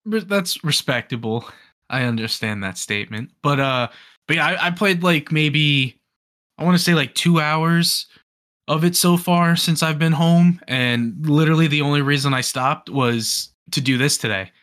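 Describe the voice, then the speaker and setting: Young male podcast co-host, slightly high voice, eager and rambling, casual gaming chat. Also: normal speed. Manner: excited, rambling with many restarts.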